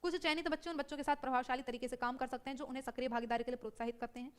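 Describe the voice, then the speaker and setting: A woman teaching a live online exam-prep class, brisk and self-correcting, who keeps checking in with her students. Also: high voice, steady tone, clear, resonant tone.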